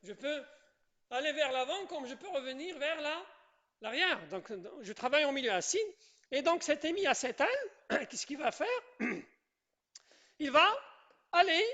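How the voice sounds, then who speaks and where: A chemistry teacher with a high voice lectures a class from the board. The teacher keeps repeating key points and checking that students follow. Now and then the teacher asks the room for the next step and praises the answers. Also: a bit bright. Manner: repetitive, checks in with "d'accord?" and "je répète".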